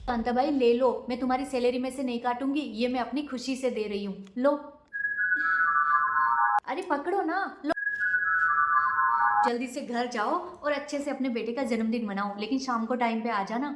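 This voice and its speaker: A woman acting as a middle-aged mother who lectures and scolds yet is warm-hearted. Her voice is fairly high, and a roomy echo hangs around it. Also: normal speed, pauses often, soft background music, natural voice. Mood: kind. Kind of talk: home-made short drama acting. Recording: echoey room.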